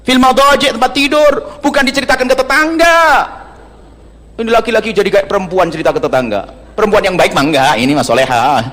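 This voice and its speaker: A man's voice: sits high, fast talker, fairly bright tone. A man preaching a sermon to an audience, teasing and humorous. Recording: long reverb of a large hall.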